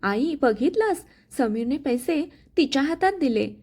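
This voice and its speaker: A woman's voice: high-pitched, lively intonation, unhurried, a little mellow. A woman voicing a spiteful, scheming young sister-in-law in a spoken family story, with a sneering, taunting manner.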